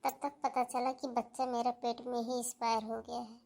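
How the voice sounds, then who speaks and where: Grieving young wife, aggrieved and flat-voiced, acted by a woman. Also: on the high side, moderate pace, vocal fry. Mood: hurt. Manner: hurt, complaining recount. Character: grieving young married woman, hurt and complaining. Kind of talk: animated cartoon voice acting.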